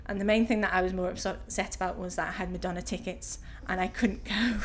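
Brisk and mid-range, with fairly even intonation and a little hiss or hum, this woman's voice belongs to a thirtysomething from Liverpool, England. In her Liverpool accent, she handles interview questions casually and hesitantly, leaning heavily on filler ums.

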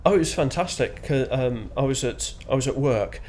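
A fifty-year-old man with a Shetland accent, giving spontaneous interview answers in a hesitant, halting way with frequent pauses. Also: medium pitch, expressive, darkish tone. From Shetland, Scotland. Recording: clear background ambient noise.

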